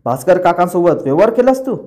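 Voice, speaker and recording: A man voicing an elder brother from a TV serial, shouting and demanding answers. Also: fairly high pitch, moderate pace, lightly acted. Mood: angry.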